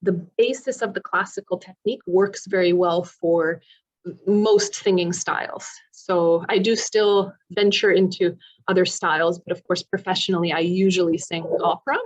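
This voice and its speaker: Over a rough recording from an online video meeting, a Polish-born singer and vocal coach presents informally and takes questions. Her fairly low voice stays steady at a moderate pace as she explains things in a chatty way.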